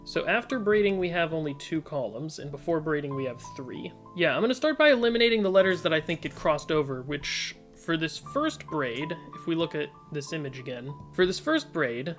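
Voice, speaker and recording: Sitting at his desk in an indoor room, this young streamer reads chat suggestions out loud and muses uncertainly as he solves puzzles. His pitch is on the high side with a sing-song lilt, he talks a little fast, and soft music runs in the background.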